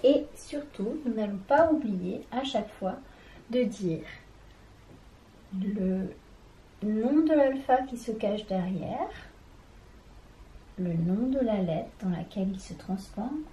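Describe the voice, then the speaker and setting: A woman giving a children's reading lesson, speaking slowly and carefully, sounding out syllables and talking straight to the child. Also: mid-range voice, animated, mellow, roomy sound, a little hiss or hum, low-quality recording. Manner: addresses the child directly. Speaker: teacher.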